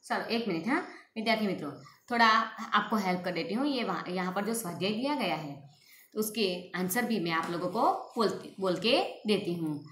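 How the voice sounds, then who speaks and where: A woman teacher giving a school Hindi grammar lesson, explaining slowly, repeating examples and often checking with her students. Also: mid-range voice, expressive, a bit bright. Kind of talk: recorded class lesson. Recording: echoey room with faint ambient noise.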